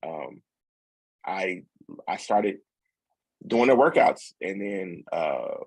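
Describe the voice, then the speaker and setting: A young man, a podcast guest, telling a story in a relaxed, rambling way with plenty of fillers and restarts. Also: low voice, drawn-out words, dry recording, poor audio. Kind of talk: casual storytelling.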